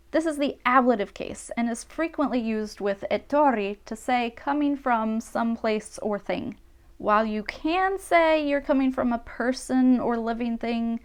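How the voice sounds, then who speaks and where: A woman presenting a scripted grammar lesson, reading example sentences slowly and carefully and translating each one. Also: fairly high pitch. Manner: careful, slowed pronunciation of example phrases. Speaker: language teacher.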